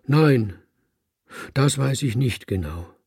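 Man doing a guileless young tomcat, literal-minded and eager, gravelly, husky, slow. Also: medium pitch, lively intonation, a little mellow, dry recording, studio quality, exaggerated voice. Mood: puzzled. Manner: simple, eager questioning.

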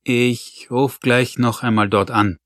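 A man's voice: mid-range voice, steady tone, takes it slowly, fairly bright tone, no room sound, clean studio sound. A man voicing a weary, middle-aged village policeman in an audiobook, grumbling and evasive.

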